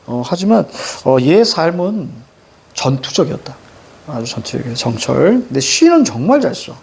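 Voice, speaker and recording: Gravelly-voiced woman teaching a class. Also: low voice, very animated, darkish tone, slight background noise. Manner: chatty, jokey, reads verse slowly. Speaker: Korean literature teacher. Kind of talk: classroom lecture.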